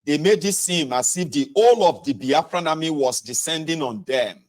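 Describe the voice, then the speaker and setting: With a fairly high, lively voice and a darkish tone, a Nigerian-accented man reads from a book at normal speed. He talks directly to listeners in conversational asides and occasionally corrects what he's said.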